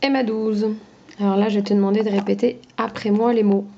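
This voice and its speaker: A woman's voice: medium pitch, level tone, brisk, creaky, warm tone, slight background noise. A woman schoolteacher giving a phonology lesson to young children, carefully sounding out each syllable. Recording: dull lo-fi recording.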